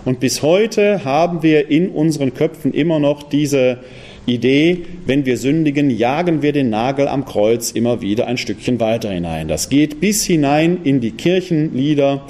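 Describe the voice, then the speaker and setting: A man from the Ruhr area delivers a public lecture with a mellow, warm tone. He talks quickly and presses his points home with rhetorical questions. His pitch sits in a middle range. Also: expressive. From Ruhr area, Germany. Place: parish hall.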